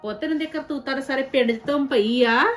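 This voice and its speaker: Actress as meddling village aunt: high voice, gossipy, scolding, scheming; web series drama. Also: female voice, fast, faint music behind, close to an everyday voice. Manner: gossipy, scolding, ends remarks with "haiṅ?". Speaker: paternal aunt.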